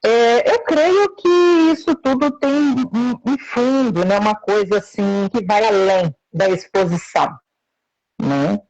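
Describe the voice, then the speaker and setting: A woman speaking as a guest in a live interview, heard through a choppy, breaking-up call line, talking in a slow, measured way. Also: mid-range voice, lively intonation, creaky, darkish tone. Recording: dull lo-fi call audio.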